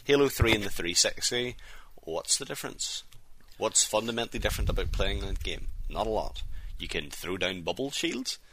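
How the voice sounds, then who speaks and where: A man's voice: on the low side, expressive, moderate pace, hardly any pauses, fairly bright tone, a little hiss or hum. A man co-hosting a casual podcast, giving blunt, scornful opinions. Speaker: podcast co-host. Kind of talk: casual chat.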